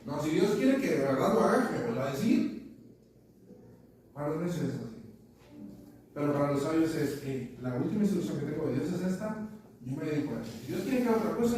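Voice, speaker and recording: In a church meeting room, a pastor with a fairly high, mellow voice delivers a sermon full of stories, repeating words while he searches for the right ones. The recording is distant and echoey, with faint noise in the background.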